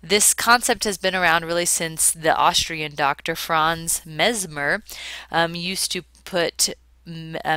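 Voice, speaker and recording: Woman lecturer, low voice, clear and smooth, informal explaining, conversational slide narration. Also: sharp tone, no room sound. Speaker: psychology lecturer.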